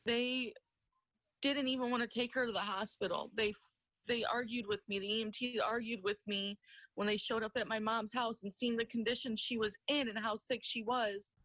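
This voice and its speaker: A woman's voice: on the high side, fairly even intonation, moderate pace, fairly bright tone, no room sound, poor audio. A woman recounting personal experience in a news interview, in plain, colloquial speech.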